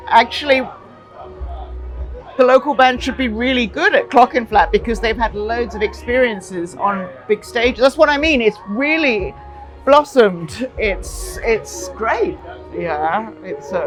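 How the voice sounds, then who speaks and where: A woman's voice: on the high side, rough recording. A woman in her forties from Hong Kong, talking chattily in an interview, laughing often and searching for words. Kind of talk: casual interview.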